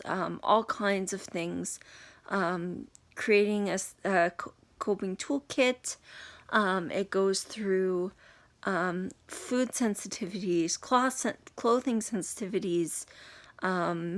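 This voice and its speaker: A young woman giving an unscripted talk to camera, halting and hesitant, with many pauses and fillers. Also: mid-range voice. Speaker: video blogger reviewing a book.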